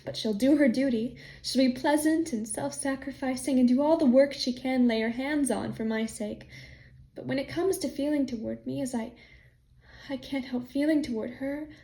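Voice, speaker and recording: A woman voicing a gruff older male farmer who speaks in a brooding, halting, gloomy way. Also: high-pitched, warm tone.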